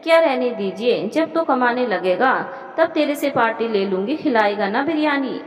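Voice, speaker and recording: A woman voicing a bossy, scheming older woman of the house who talks in a sharp, mocking, commanding way. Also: a little high, expressive, moderate pace, roomy sound, big-room sound, lightly acted, rough recording. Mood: scolding.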